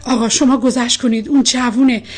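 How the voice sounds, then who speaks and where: A woman's voice: fairly high pitch, steady tone, husky. A woman voicing a worried middle-aged mother pleading with her husband in a storybook reading. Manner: pleading, tearful.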